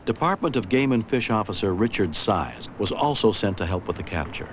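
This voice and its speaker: A man's voice: on the low side, animated, fairly quick, slight background noise. A man giving scripted narration for a true-story television documentary. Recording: music under the voice. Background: music.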